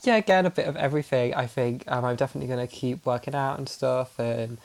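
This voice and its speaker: A man's voice: mid-range voice, quick pace, gravelly. A young man from the chatting casually as a student, upbeat, with frequent laughs and fillers. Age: young adult. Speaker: student podcast guest. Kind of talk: casual chat.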